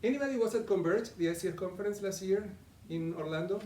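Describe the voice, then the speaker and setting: With a high, mellow voice and a fast delivery, a middle-aged Argentinian coach gives a conversational live presentation, asking his audience questions. He's recorded from a distance in an echoey meeting room, with slight background noise.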